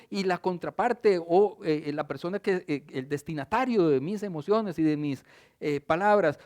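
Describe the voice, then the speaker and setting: Male pastor, middle-aged, high-pitched, expressive sermon delivery. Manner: expressive, animated preaching with rhetorical questions to the congregation.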